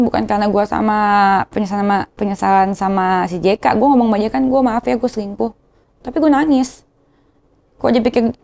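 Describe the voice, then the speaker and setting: Young jakarta slang girl venting on her vlog, a bit high voiced, rambles and repeats stuff. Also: gravelly, darkish tone. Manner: emotional, rambling, repeats herself. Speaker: vlogger. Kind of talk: casual confessional vlog.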